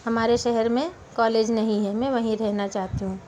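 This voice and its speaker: A heartbroken young woman who hides her grief behind soft, pleading words, as a woman storyteller voices her. Fairly high voice with faint hiss behind it, in a storybook reading. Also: fairly even intonation, normal speed, natural voice. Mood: subdued. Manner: subdued, pleading.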